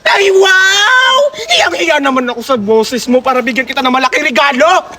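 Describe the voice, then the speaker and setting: A woman voicing a bossy older woman who scolds children loudly and hands out Christmas gifts. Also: high-pitched, a little fast, natural voice. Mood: scolding. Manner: scolding, loud, blunt. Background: background music.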